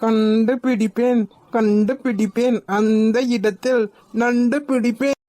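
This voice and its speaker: A woman's voice: on the high side, a little fast, loud music behind the voice, lightly acted. A woman voicing a cheeky, clumsy young man sidekick who talks in a teasing, sing-song way.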